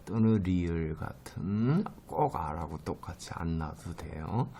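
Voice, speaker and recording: A middle-aged male teacher talks his class through a lesson in a very low, deep voice. He moves slowly and unhurriedly, pausing on fillers and saying each word over several times so students can follow along. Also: gravelly, dark tone, slight background noise. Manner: slow, hesitant, full of fillers, repeats words for students. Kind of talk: lecture on Greek myth names and pronunciation.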